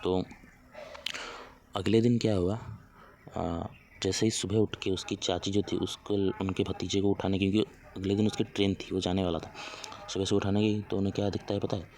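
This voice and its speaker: A man casually telling a spooky story, halting often with fillers and restarts. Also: low-pitched, level tone, a little mellow. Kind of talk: casual spoken horror story.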